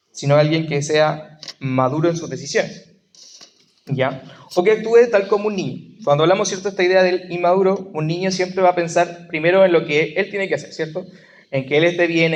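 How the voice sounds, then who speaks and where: A man's voice: fairly high pitch, dull audio. A man with a Chilean accent preaching a sermon in a conversational teaching manner, checking in with listeners through frequent tag questions. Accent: Chilean Spanish. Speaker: lay preacher.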